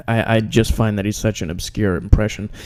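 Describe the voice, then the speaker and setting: A man hosting a comedy podcast, deadpan and self-mocking, rambling with filler into a close microphone. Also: lowish voice, normal speed, dry recording. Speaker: podcast host. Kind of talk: comedic monologue.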